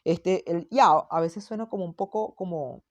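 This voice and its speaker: Patient woman teaching, slightly low voice. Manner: patient, repeats each example slowly and carefully; frequent checking tags and fillers. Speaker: Mandarin teacher. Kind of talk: explanatory online language lesson.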